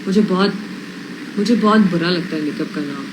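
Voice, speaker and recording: A woman's voice: fairly low pitch, moderate pace, background noise. A young woman with a slight British accent, chatting casually on a livestream as a reality show contestant, frank and self-assured, dropping English phrases into her talk. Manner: mixes English phrases into speech.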